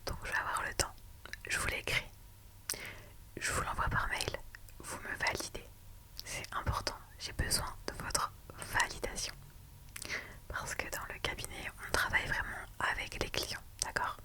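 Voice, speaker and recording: A woman whispering softly and slowly in an ASMR roleplay as a reassuring lawyer, with many calm "ok"s. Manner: soft, slow and soothing, with many "ok" and "d'accord". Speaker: lawyer in a client meeting roleplay.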